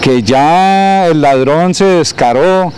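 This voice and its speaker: A middle-aged man speaks outdoors into a handheld reporter mic, his voice sitting a little high. He sounds earnest and indignant, hammering his points home by repeating phrases. Street and traffic noise runs clearly underneath. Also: takes it slowly, a little mellow. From Colombia. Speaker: community leader. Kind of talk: street interview. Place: outdoors by a building in town.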